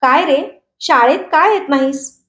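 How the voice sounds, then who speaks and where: A young male village schoolteacher , played by a woman narrator, speaks to his pupils, mild but firm. His voice sits high and rings in a roomy echo, like a storybook read aloud. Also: a little slow, a bit bright. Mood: stern. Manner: calling out to a class of children.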